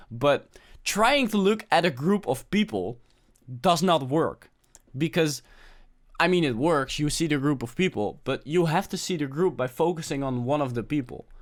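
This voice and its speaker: A young man talking unscripted to camera, giving presentation tips in a relaxed, conversational way with many fillers and restarts. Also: fairly high pitch. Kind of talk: unscripted casual talk to camera.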